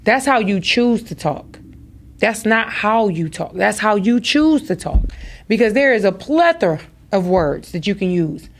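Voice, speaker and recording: Unhurried, with lively intonation in a mid-range voice, this podcast host and mother speaks straight to her listeners in a preacher-like motivational talk, hammering home repeated phrases.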